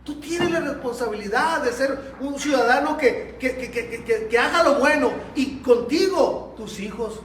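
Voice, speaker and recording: High-voiced pastor in an echoey church. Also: male voice, unhurried, hardly any pauses, a little hiss or hum. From Mexico. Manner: animated storytelling, speaks straight to the congregation. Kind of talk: Sunday school sermon. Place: church hall. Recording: echoey church room, mic at a distance.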